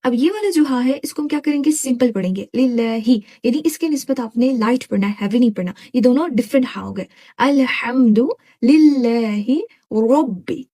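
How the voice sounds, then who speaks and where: A woman's voice: high voice, animated, fast, few pauses, dark tone. A woman Quran teacher explaining pronunciation step by step, mixing English words into her teaching. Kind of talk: recitation tutorial.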